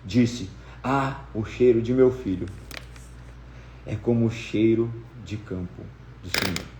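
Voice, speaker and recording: A man voicing an aged, tender father who speaks low, soft and solemn. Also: slow pace, background noise. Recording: echoey room.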